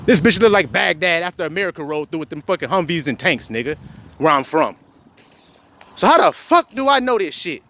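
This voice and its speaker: Quoting scripture and cursing heavily, a man who styles himself a preacher confronts his listeners with a barrage of rhetorical questions. He speaks briskly in a fairly high voice with a sharp tone and lively intonation.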